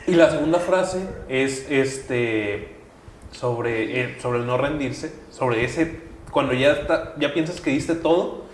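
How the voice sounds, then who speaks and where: A man's voice: medium pitch, slow pace. Man hosting, echoey room. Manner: relaxed, hesitant, with filler words. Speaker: podcast host. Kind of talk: conversational interview. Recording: echoey room with faint noise.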